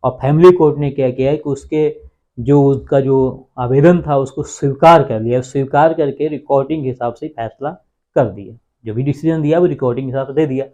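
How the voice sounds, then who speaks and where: On his channel, a man gives an informal legal explainer, repeatedly posing questions to viewers and answering them himself while going over key points again. His medium-pitched voice is warm, brisk and fairly even, and the lo-fi sound is dull.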